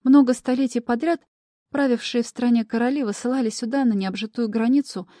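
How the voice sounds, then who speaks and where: A woman narrating a first-person story in an expressive, lively way. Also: fairly high pitch, a little fast, no room sound, clean studio sound. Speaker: audiobook narrator.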